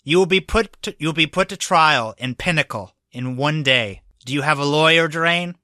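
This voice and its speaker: A man's voice: on the high side, moderate pace, bright, forceful tone. A man running a tabletop game as game master, laughing often as he narrates.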